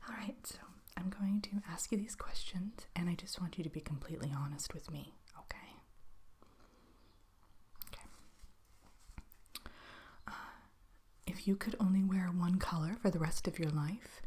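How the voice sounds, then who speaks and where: Whispered role-play by a husky, low woman. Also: moderate pace, pauses often, warm tone. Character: chatty, polite fairy tale realm residency interviewer. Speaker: ASMR role-play performer.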